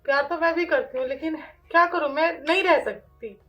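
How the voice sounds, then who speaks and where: An actress as a hurt but firm wife. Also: female voice, sits high, brisk. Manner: calm, firm, gently consoling. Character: hurt wife refusing to return to her husband. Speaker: actor in a short drama. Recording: faint music behind.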